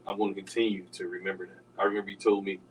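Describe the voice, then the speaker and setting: An older man hosting a radio talk show, telling stories in a raspy, easygoing way. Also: deep voice, level tone, very fast, distant mic, a little hiss or hum, rough recording.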